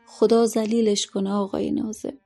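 A woman's voice: medium pitch, little pitch movement, warm tone, soft background music, close to an everyday voice. A woman voicing a poor old grandmother who pleads tearfully and curses under her breath, in a story reading. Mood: pleading.

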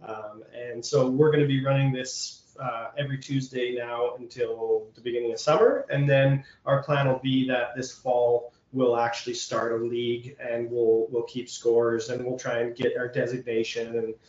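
A man's voice: mid-range voice, flat delivery, moderate pace, hardly any pauses, darkish tone. A man, a guest organizing a local league, chatting in an upbeat way. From Canada. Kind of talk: casual chat. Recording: dull, roomy remote audio.

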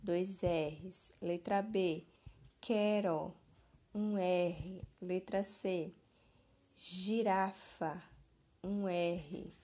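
A woman teacher reads out answer keys for young pupils, slowly and deliberately, spelling words out. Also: on the low side, fairly even intonation, a little mellow. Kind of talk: slow classroom answer-key reading.

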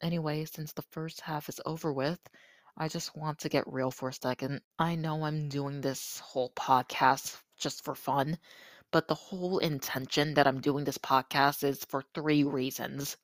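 An eighteen-year-old podcast host talking casually in a slightly crusty, somewhat monotone voice, recorded with earbuds used as a microphone. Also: medium pitch, normal speed, no room sound. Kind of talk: casual solo podcast talk.

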